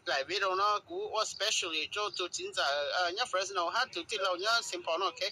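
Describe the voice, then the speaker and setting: A man chatting casually, halting and hesitant with many fillers. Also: high voice, steady tone, bright, forceful tone, slight background noise, rough recording.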